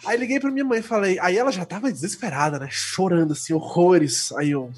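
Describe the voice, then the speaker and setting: A young man with a Brazilian accent telling a story in casual group chat, animated and laughing, imitating his relatives. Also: sits high, brisk, breathy edge, faint music behind. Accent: Brazilian Portuguese. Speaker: podcast guest telling a story.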